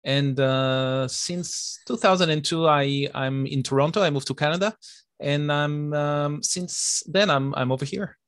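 A man's voice: fairly high pitch, measured pace, a bit bright, clean tone, no room sound, clean studio sound. A middle-aged man from Israel, a guest author, answering interview questions steadily with frequent fillers.

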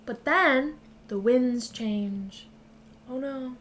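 A woman's voice: high voice, extremely slow, a bit bright, slight background noise. A woman hosting a podcast, casually recapping a movie plot with loose phrasing and frequent swearing. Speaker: podcast host. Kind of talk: casual chat.

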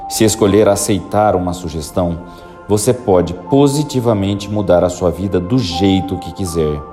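A man guiding a listener through a hypnosis induction with slow, soothing, repetitive instructions. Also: sits low, over music.

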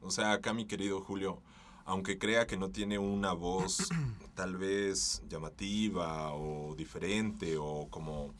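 A middle-aged Mexican man with a fairly low voice, talking through his ideas in a relaxed, reflective way. He speaks with a Mexican Spanish accent in casual conversation. A faint room ambience hums behind him. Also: slow, a little hiss or hum. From Mexico City. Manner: explaining, reflective. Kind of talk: casual chat.

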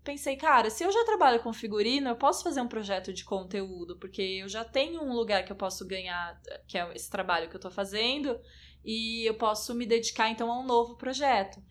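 A woman guest on a casual podcast with a slightly high voice. She tells her stories lively and quotes her own past thoughts aloud. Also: fairly quick. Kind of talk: casual chat. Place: studio.

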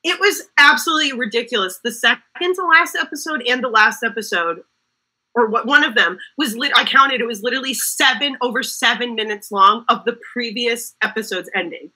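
Bright, lively young woman chatting. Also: fairly high pitch. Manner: animated, quick, laughing often. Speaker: podcast co-host. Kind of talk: casual chat about a TV series.

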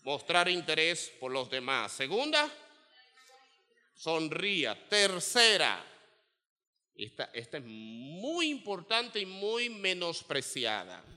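A man delivers a sermon. His voice sits high and rings very bright. The sound carries a long hall reverb. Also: slow pace. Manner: animated, acts out quoted voices. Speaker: pastor.

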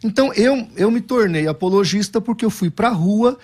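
Answering an interviewer through stories, a middle-aged Baptist pastor from Brazil pokes fun at himself with animated anecdotes and keeps restarting his sentences. His voice is high and his pace moderate.

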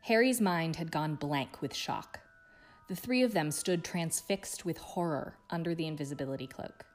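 A woman reading a book chapter aloud in a hushed, suspenseful way. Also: low-pitched. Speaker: guest reader.

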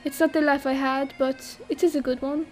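Faint music plays behind a high, level-toned female voice speaking briskly. She's a young Frenchwoman in an audio drama, an exile questioned about a disaster, recounting her story in a self-mocking, wry way and laughing while she talks.

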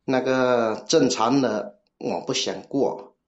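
A man's voice: medium pitch, slow. A man in his forties from Guangdong with a Cantonese accent in Mandarin, calling in for advice in casual, hesitant, roundabout phrasing. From Guangdong, China. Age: 40s. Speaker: call-in guest seeking advice. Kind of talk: casual chat. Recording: dull lo-fi call audio.

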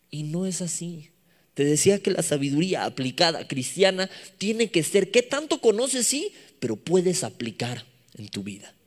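A young man with a Mexican accent preaching a sermon to youth, animated and mixing playful slang with scripture. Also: fairly high pitch. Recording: long echoing reverb of a hall.

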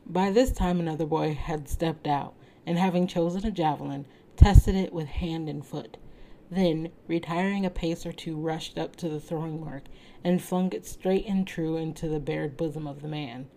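A woman reading a story aloud in a casual way, steady and measured, now and then breaking off to comment. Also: deep voice, a little hiss or hum, poor audio. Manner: reads steadily, breaks off to laugh and make asides. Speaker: reader.

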